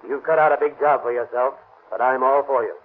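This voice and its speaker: A man's voice: mid-range voice, steady tone, fairly quick, lightly acted. An actor playing an authoritative male police chief in a 1930s radio drama, commanding and plain-spoken. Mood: encouraging. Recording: tinny old radio broadcast, faint noise.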